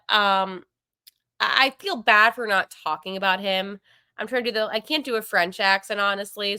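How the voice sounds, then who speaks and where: A woman hosting a sports podcast, talking casually and with strong opinions, full of fillers and quick asides. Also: mid-range voice, sharp tone, smooth, dry recording, studio quality. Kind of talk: casual solo podcast commentary.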